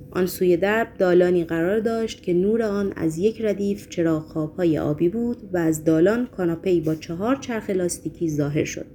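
A woman narrating an audiobook in an expressive, dramatic reading style. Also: lowish voice, slight background noise.

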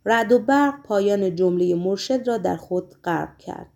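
Mellow woman reading a novel aloud. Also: medium pitch, expressive, vocal fry. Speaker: narrator.

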